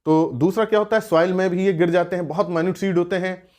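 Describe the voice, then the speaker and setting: A man's voice: high-pitched, fairly even intonation, fast, darkish tone. A man teaching an exam-prep lesson on weeds, explaining step by step with rhetorical questions and frequent filler sounds.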